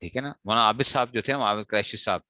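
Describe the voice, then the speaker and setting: A man teaching a morning class, correcting mispronounced words by repeating them slowly and checking that students follow. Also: on the low side, bright, forceful tone, dry recording, clean studio sound. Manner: asks students checking questions. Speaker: teacher of Arabic morphology. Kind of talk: classroom lecture.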